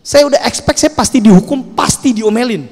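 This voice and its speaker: A man in his thirties with an Indonesian accent, preaching at a youth service through an animated personal story, mixing in casual slang and English. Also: extremely high pitch, brisk. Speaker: speaker. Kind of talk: sermon storytelling. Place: large church hall. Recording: long hall reverb.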